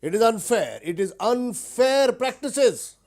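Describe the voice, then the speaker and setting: A man's voice: extremely high pitch, slow, exaggerated voice. A man with an Indian accent playing an indignant, self-important political spokesperson in a satirical mock news interview. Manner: indignant, deadpan, insistent.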